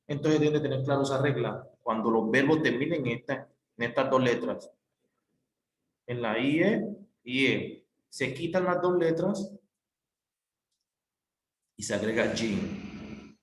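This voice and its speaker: Male teacher, mid-pitched, patient and repetitive, recorded in a roomy space. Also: measured pace, long pauses, slight background noise. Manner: patient, repetitive, spells out letters. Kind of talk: recorded classroom explanation. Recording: echoey room.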